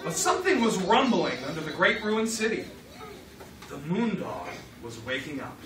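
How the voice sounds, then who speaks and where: This puppet-show storyteller has a fairly low, sing-song voice and a moderate pace, telling her story dramatically to a live audience of children who repeat the short lines she feeds them. The mic is distant and the room noisy and reverberant.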